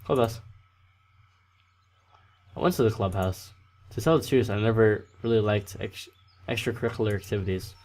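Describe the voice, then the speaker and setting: Low-voiced man reading a game aloud. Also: moderate pace, pauses often, darkish tone. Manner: casual, stumbling over words, self-correcting. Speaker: let's play host. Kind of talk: reading a visual novel aloud.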